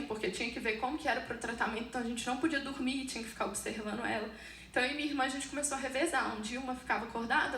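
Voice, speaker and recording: A Brazilian woman gives a personal testimony in church, earnest and halting, restarting her sentences as she goes. Her fairly high voice has a gravelly fry, heard from a distance in a roomy hall with faint background noise. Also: a bit bright. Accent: Brazilian Portuguese. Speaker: church member giving testimony.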